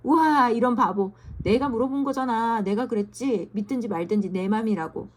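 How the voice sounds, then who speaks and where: A woman voicing an eager little schoolgirl who adores her dad, reading a children's storybook in an excitable, pleading way. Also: fairly high pitch, normal speed, natural voice. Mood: chatty.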